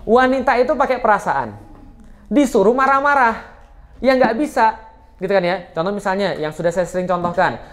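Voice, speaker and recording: A man's voice: high-pitched, expressive, moderate pace, fairly bright tone. A male Islamic preacher giving a casual, joking study lecture, often adding tag questions.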